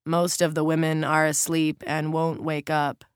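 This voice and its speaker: Jittery anonymous orderly, halting and casual, read by a woman narrator. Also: deep voice, completely flat delivery, smooth, no room sound, clean studio sound. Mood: uneasy. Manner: hesitant, clipped, casual speech. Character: nervous male hospital orderly, anonymous.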